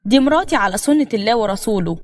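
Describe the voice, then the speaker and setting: A woman voicing a cold, unfaithful young husband, speaking flatly and a bit lower than her own voice. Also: fast talker. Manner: cold and flat.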